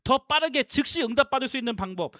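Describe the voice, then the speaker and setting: A man preaches as a youth pastor in a very high, bright voice. He talks in an animated, punchy way and comes back to the same key phrases again and again. The recording is dry, with no room echo. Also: quick pace. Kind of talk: sermon to middle-schoolers.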